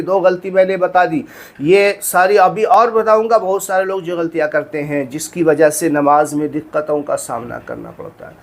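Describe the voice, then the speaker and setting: A man, a religious teacher explaining prayer step by step, earnest and repetitive, often checking that listeners understood. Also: high-pitched. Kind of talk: instructional talk on prayer.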